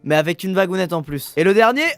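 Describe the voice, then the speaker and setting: A man hosting a gaming video, giving excitable, crude, joking commentary full of swearing. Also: sits high, quick pace, clean tone, dry recording, raised voice, faint music behind.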